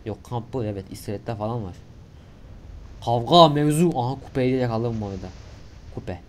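A young man giving casual, slangy commentary over a mobile shooter game, getting loud and excited in tense moments. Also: fairly low pitch, fast talker, a little hiss or hum. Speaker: gaming YouTuber.

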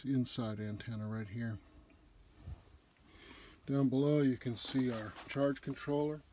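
In a large indoor RV repair shop, a male tour guide with a Southern accent narrates casually, describing the technical work in simple terms with a few fillers. His voice is medium-pitched and warm, with a bit of background noise.

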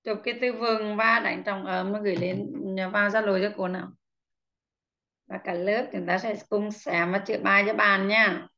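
Teaching English online, a woman patiently drills vocabulary pronunciation, saying each word slowly and calling on students by name. Her mid-range voice is pushed and bright with fairly even intonation, coming through slightly muffled video call audio.

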